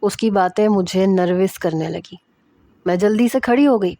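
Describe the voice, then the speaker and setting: A woman's voice: mid-range voice, mellow. A woman narrating a romance story in the first person, reading steadily and evenly.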